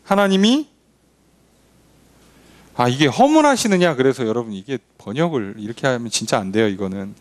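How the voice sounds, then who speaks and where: A man's voice: mid-range voice, big pitch swings, normal speed, long pauses. A male pastor leading a Bible study, explaining verses in a conversational way and asking his class questions. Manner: acts out imagined objections in a blunt informal voice. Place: church.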